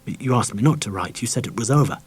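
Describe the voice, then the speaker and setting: A man voicing a posh young English woman with an upper-class accent, who speaks in a shrill, clipped and accusing way. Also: expressive, fast, husky. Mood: angry.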